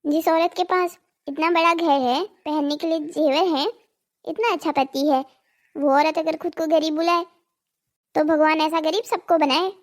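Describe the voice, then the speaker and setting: A woman voicing Savita, a high-pitched nagging wife. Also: fairly even intonation, unhurried. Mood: pleading. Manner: scolding, pleading. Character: nagging village wife, greedy and impatient. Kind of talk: cartoon drama voicing.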